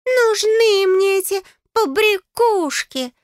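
A woman voicing a tiny male fairy in an audiobook, squeaky, pompous and greedy, with a bossy, indignant manner. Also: lively intonation, slow pace, dry recording, studio quality, full character voice. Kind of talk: audiobook character voice.

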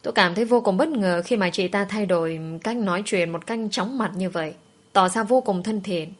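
A young woman calmly narrating a first-person story. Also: medium pitch, fairly quick. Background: faint background music.

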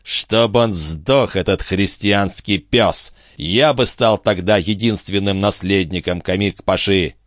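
A man voicing a hateful, scheming male heir who mutters slowly. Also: low-pitched, a bit bright, no room sound, studio quality. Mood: spiteful.

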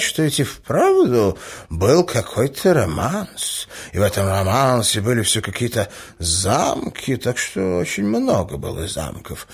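Confused elderly prince read by a male narrator, stammering, slow, wandering pitch. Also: breathy edge, exaggerated voice. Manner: hesitant, bewildered, stammering. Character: muddled, doddering old prince. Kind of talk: audiobook character reading.

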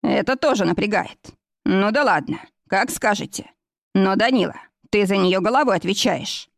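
A woman reading the part of a joking, fussy middle-aged man, a pathologist, in a slower, drawn-out manner. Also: medium pitch, creaky, no room sound, clean studio sound, close to an everyday voice.

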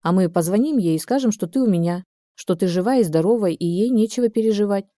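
A woman reading the part of a calm, helpful German man in an audiobook, steady and reassuring. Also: medium pitch, quick pace, no room sound, clean studio sound, close to an everyday voice.

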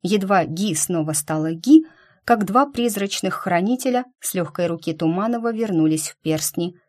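A woman reading a first-person fantasy novel aloud in steady storytelling narration. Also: lowish voice, normal speed. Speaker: audiobook reader.

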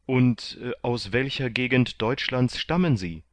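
A man reading an audiobook voices a proud young Jesuit commander who speaks in stately, drawn-out exclamations. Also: mid-range voice, no echo, pitched above the performer's own voice, close to an everyday voice. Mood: inquiring. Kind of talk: audiobook reading of a classic novel.

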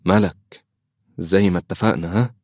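A man plays a secretive Egyptian priest, hesitant and evasive, in a deep voice. The sound is dry and close, as in a storybook reading. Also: fairly even intonation, moderate pace, darkish tone, dry recording. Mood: uneasy. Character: troubled middle-aged male priest, secretive.

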